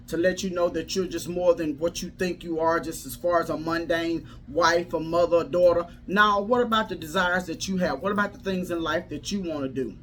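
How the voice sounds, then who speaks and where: A woman's voice: lowish voice, a bit bright, a little hiss or hum. A woman life coach giving a casual motivational livestream talk in a folksy, preacherly manner, repeating phrases for emphasis.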